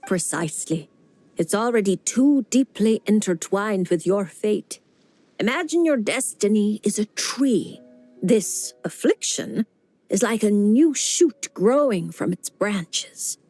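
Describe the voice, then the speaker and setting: A woman playing a creepy, knowing old witch-like fortune teller in a video game, speaking in a measured, cryptic and teasing way. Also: medium pitch, animated, dark tone, soft background music. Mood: cryptic, matter-of-fact. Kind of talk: video game character dialogue.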